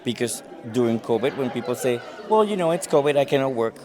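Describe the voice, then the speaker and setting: Fast and expressive at a medium pitch, a man whose first language is Spanish relates his story in an informal interview, acting out other people's voices as he quotes them. The busy conference hall around him buzzes with crowd chatter.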